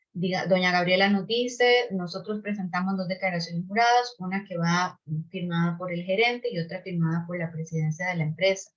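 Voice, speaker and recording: A woman presenting an online webinar and answering audience questions, explaining step by step with frequent tag questions and restarts. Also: on the low side. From Costa Rica. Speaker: webinar presenter on public procurement. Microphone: video call microphone. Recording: slightly dull video call audio.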